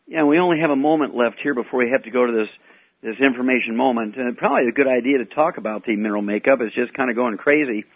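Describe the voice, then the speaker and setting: A man hosting a call-in health advice radio show, talking in an unhurried way with many "uh" fillers, taped off the radio. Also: mid-range voice, slightly rough. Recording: dull lo-fi radio tape with faint music.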